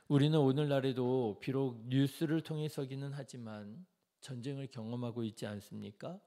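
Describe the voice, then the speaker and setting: A man preaching an early morning sermon in a conversational way, with frequent fillers, reading scripture louder. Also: medium pitch. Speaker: pastor. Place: church sanctuary.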